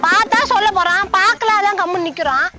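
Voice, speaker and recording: Woman, very high voice, rapid, sassy retorts, music behind. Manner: sassy, quarrelsome, fast retorts. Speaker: comedy sketch actor, daughter character. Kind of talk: Tamil village comedy sketch.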